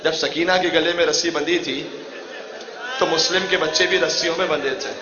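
A man preaches a mourning sermon in a high, bright voice. He tells the story with passion, and the emotion builds as he goes. His words echo through a large hall with a long reverb, captured on a dull, lo-fi recording. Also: steady tone, crowd noise. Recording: echoey hall, dull lo-fi sound.

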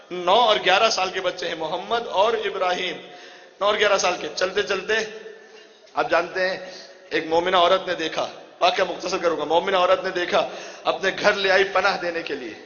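Preaching a mourning sermon, a man with a bright, high voice recounts the story passionately, his feeling swelling as he continues. A large hall gives his words a long, echoing reverb, and the recording sounds dull and lo-fi.

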